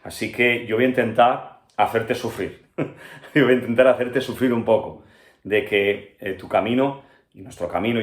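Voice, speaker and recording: A pastor from Spain with a Spanish accent, teaching an earnest Bible-study sermon that speaks straight to the listener and keeps checking in with him. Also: male voice, fairly low pitch, echoey room. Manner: earnest, addresses listener directly with frequent "¿vale?" and "¿verdad?".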